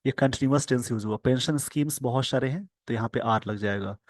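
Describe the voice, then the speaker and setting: Working through a newspaper editorial, an Indian-accented man with a mid-range voice slowly reads English phrases aloud and explains them in Hindi to teach the language. No room sound can be heard.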